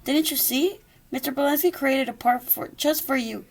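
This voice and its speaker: A woman's voice: high-pitched, normal speed, slight background noise. A woman voicing a stern, commanding ballet mistress while reading a picture book to children. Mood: questioning, insistent. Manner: sharp, commanding. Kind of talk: character voice in a children's read-aloud.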